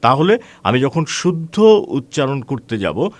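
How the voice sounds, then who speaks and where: Lively-voiced male teacher lecturing students. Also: medium pitch. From Bangladesh. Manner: addresses students as friends, asks rhetorical questions; measured explaining with frequent hesitations. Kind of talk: online class lecture.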